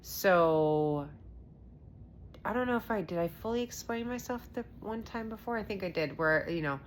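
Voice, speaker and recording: A woman's voice: mid-range voice, lively intonation, moderate pace, slight background noise. A stay-at-home mom chatting casually about her trades, rambling with lots of fillers and restarts. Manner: acts out her own past reactions in quotes. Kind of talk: casual rambling vlog chat.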